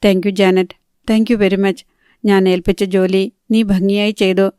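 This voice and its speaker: A woman's voice: mid-range voice, little pitch movement, unhurried, warm tone, clean tone, dry recording, studio quality, natural voice. A woman reading the part of a scheming, threatening man in an audiobook, in a cold voice. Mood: smug. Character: menacing middle-aged man, scheming and threatening.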